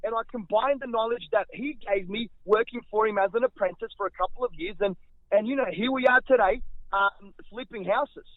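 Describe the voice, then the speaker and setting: A young Australian man, a real estate investor, talking with lively energy and lots of slang in a casual interview over the phone. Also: high-pitched, brisk, dry recording. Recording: tinny phone line.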